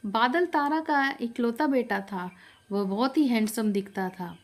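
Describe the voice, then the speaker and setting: A woman narrating a moral storybook tale in a calm, scripted way. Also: a little high, unhurried.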